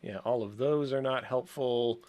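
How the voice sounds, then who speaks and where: A man in the middle of his pitch range talks through his work out loud in a loose, rambling way. He fills pauses with ums and chuckles often as he goes. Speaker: co-host working in software. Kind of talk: casual think-aloud while working.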